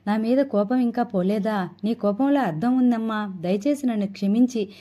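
A woman's voice: fairly high pitch, normal speed, warm tone, natural voice. A woman reading the lines of a remorseful wealthy older father who pleads with his daughter, in an earnest storybook delivery. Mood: pleading.

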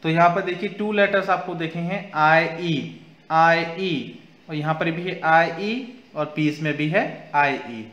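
A man's voice: on the high side, slow pace, fairly bright tone, roomy sound. A male English teacher giving a grammar lesson to young children, spelling words out letter by letter and switching between Hindi and English.

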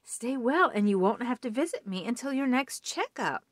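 A calm, kind woman doctor from a storybook, read by a woman, gentle and reassuring with her young patient. Her pitch moves in lively curves, and the sound is close and dry. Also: moderate pace, no room sound.

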